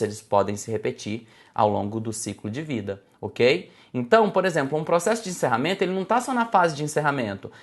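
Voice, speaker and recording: Exam-prep teacher explaining slides. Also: medium pitch. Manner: didactic, addresses class as "gente", frequent "tá?" and "olha só"; stretches and shifts intonation to illustrate points. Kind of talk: online slide lecture.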